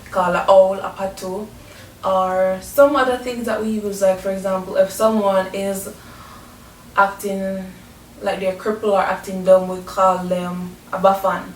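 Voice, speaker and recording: At a measured pace and with little pitch movement, a presenter from Jamaica speaks in a Jamaican accent, explaining language and culture for an educational audience. The sound is echoey and distant, with faint rumbling underneath.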